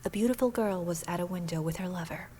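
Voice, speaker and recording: A woman whose first language is Korean, calmly reading a fairy tale aloud in a soft whispered role-play. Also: fairly low pitch, quick pace, slight background noise, low-quality recording. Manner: calm, soft whispered narration.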